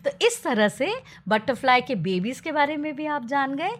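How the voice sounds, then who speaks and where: A woman's voice: high voice, expressive, moderate pace, a little hiss or hum. A woman storyteller answering interview questions in an earnest, teacher-like way. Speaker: storyteller, guest.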